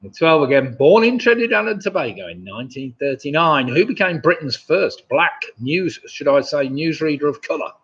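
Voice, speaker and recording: Husky older man hosting a pub quiz. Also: on the high side, sing-song, moderate pace, few pauses, a bit bright. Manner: chatty, chuckling at viewers' jokes. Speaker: quizmaster. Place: home room, indoors. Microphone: webcam mic, seated at desk. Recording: dull lo-fi webcam audio.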